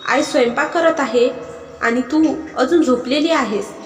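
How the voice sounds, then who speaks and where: A woman's voice: high-pitched, a little slow. A woman voicing a young male farmer, a patient husband who turns firm and scolding. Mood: stern. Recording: echoey hall with music behind.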